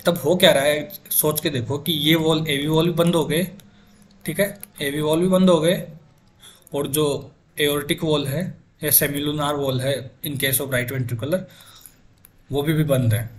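A man's voice: a little high, fairly even intonation, measured pace. A young man lecturing medical students, explaining step by step and putting rhetorical questions to the class.

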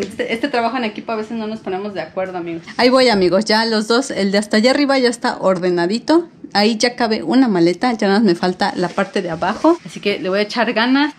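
A young woman with a Mexican accent chats away in a relaxed home vlog, her pitch sitting in an ordinary middle range. She talks to the viewers like close friends while she goes about her day indoors. A faint hiss of noise sits under her voice. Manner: chatty, keeps calling viewers "friends". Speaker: vlogger and mother. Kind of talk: casual vlog narration.

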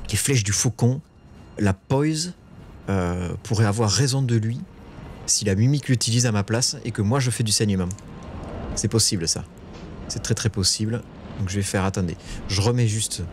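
A man giving casual live commentary while playing a game, chatting with viewers and swearing when frustrated. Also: fairly low pitch. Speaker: streamer. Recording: game music playing behind.

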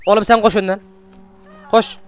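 A man hosting a let's play, commenting excitedly as he plays, swearing at enemies and coaxing his pet wolf along. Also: high-pitched, moderate pace, clean tone. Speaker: gaming channel host.

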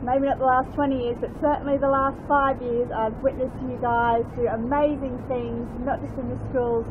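A woman's voice: high-pitched, little pitch movement, normal speed. A woman in her forties recording an earnest video message of thanks outdoors on a city balcony, filmed at arm's length. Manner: earnest, heartfelt praise. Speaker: supporter sending a video message. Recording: tinny phone-like sound with noise.

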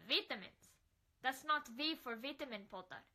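Woman acting brash teenage boy, bright and lively. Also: sits high, moderate pace. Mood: cocky. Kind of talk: amateur scene acting.

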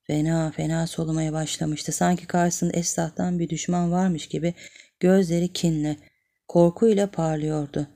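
A woman narrating a novel in a calm, measured reading voice. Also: low voice. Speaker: audiobook narrator.

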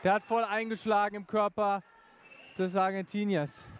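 A man's voice: high voice, little pitch movement, moderate pace. A man giving live boxing commentary in an emphatic, opinionated way.

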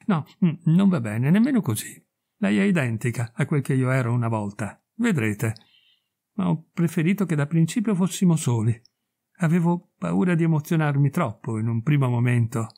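A man reading a story aloud, voicing an aging woman who speaks gently and tenderly, with hesitant pauses. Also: fairly high pitch, lively intonation, creaky. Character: aging woman, tender, wistful, once a beloved girl.

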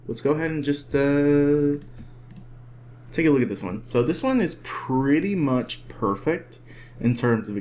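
A man walks through a photo edit in an easygoing, chatty way and throws in asides and jokes as he clicks along. His pitch sits in a middle range, and he talks like someone alone at his desk, recording his screen. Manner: relaxed, chatty, jokes to himself while working. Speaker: photo editing tutor. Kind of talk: casual screen-recorded tutorial.

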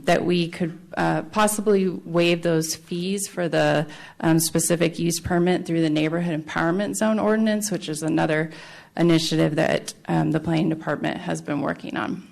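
A woman giving a formal, explanatory staff presentation at a public meeting, speaking haltingly with a creaky voice. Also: deep voice, a little mellow. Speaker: city planning staff presenter.

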